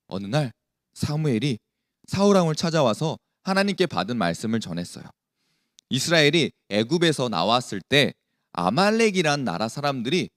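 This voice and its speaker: A man's voice: medium pitch, dry recording, studio quality. A man leading a children's worship service, telling a Bible story and asking the children questions. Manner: animated, asks the children questions.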